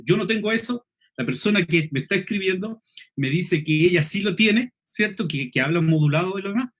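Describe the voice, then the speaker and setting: Chilean man, high and slightly husky, running an online preaching class; quick, clipped delivery. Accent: Chilean Spanish. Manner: quick, clipped speech, swallows final S, frequent "¿cierto?" checks. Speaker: preaching instructor. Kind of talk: online seminar lesson.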